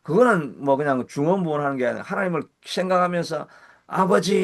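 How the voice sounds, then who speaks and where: A man pastor with a Gyeongsang Korean accent preaching a sermon, earnest, slowing and rising in pitch when he voices prayers. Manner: earnest, slows and rises when voicing prayers. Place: church service.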